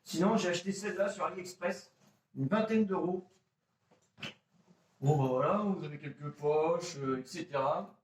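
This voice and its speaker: A chatty man shows off his kit, talking straight to his viewers and joking at his own expense. His voice sits a little high for a man. The sound is roomy, and he is heard from some distance off the mic. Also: moderate pace, pauses often. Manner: chatty, addresses viewers as "les gars", self-mocking. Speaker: airsoft gear vlogger. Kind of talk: casual gear show-and-tell. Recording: roomy echo, mic a bit far off.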